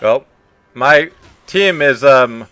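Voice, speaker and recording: A man's voice: mid-range voice, expressive, extremely slow, sharp tone, clear, resonant tone, no echo. A man streaming a game, commenting casually and wryly on his play. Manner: wry, self-mocking.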